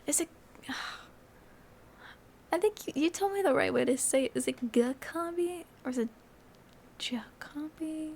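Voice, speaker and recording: A woman's voice: sits high, expressive, normal speed, vocal fry, long pauses, darkish tone. A young woman from Alabama streaming a game, chatting casually, giggling and often dropping to a whisper. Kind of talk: casual live-stream chat.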